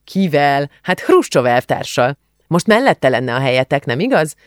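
A man's voice: on the high side, very animated, no echo, clean studio sound. A blunt, teasing teenage girl, as a male reader puts her on. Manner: outspoken and teasing.

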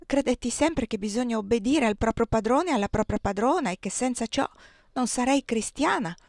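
A woman reading as a gentle, frightened young wife. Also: fairly high pitch, lively intonation, fairly quick, no room sound, studio quality. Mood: pleading, fearful.

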